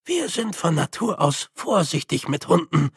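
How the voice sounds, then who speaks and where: A man's voice: a little high, big pitch swings, measured pace, slightly rough, no echo, studio quality, heavily acted. A man voicing a nervous, hesitant old postman. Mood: apologetic. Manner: hesitant, apologetic, set back. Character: nervous old male postman of a secret order. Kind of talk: audiobook character voice.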